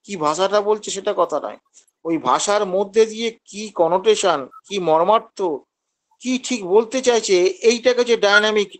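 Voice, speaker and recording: A man with a high voice teaches an online homeopathy class. He explains patiently, mixing in English terms and acting out patients' lines. He is heard over a video call. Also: moderate pace, a bit bright.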